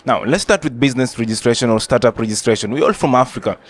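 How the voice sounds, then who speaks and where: A man's voice: medium pitch, quick pace, breathy edge. Encouraging Kenyan man moderating a panel. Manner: encouraging, frequent short affirmations. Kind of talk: panel interview. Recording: faint ambient background noise.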